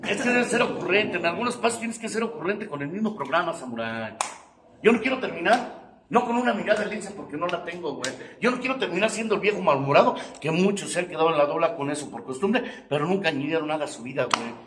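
A man with a Mexican accent giving a coarse, joking testimony at a recovery group, swearing constantly and breaking into shouts. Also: fairly high pitch, animated, quick pace, few pauses, echoey room, background noise. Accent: Mexican Spanish. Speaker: speaker sharing his testimony at a recovery group. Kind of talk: profane testimonial talk.

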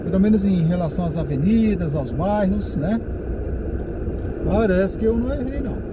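A man's voice: high voice, expressive, normal speed. A man with a Carioca accent who says s as a slushy sh, giving casual, colloquial driving tour commentary. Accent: Carioca (Rio de Janeiro). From Duque de Caxias, Rio de Janeiro, Brazil. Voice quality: slushy sh sound for s. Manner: informal, colloquial. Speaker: vlogger and driver. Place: inside a moving car on city streets. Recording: loud car and road noise. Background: vehicle and traffic noise.

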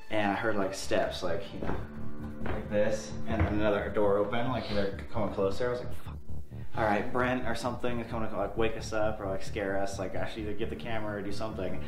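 Male vlogger in his 20s, excited storyteller, music bed under him. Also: on the low side. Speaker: explorer vlogger. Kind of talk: vlog narration.

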